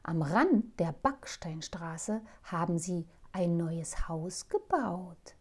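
A woman's voice: lowish voice, expressive, slow, darkish tone. A woman doing a sly little goblin prankster. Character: cheeky male goblin prankster, small and sly.

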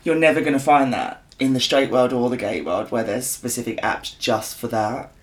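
A man's voice: medium pitch, normal speed. A British man chatting casually as a podcast co-host, with a blunt, teasing manner. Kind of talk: casual chat.

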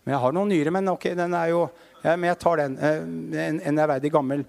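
A man's voice: fairly high pitch, steady tone, creaky, darkish tone, in a large hall. A man in his fifties preaching a sermon, telling stories and rising into fervent proclamation. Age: 50s.

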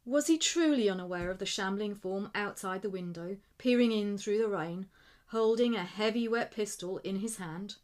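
A woman reading a short story aloud in a measured, expressive narration. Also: medium pitch.

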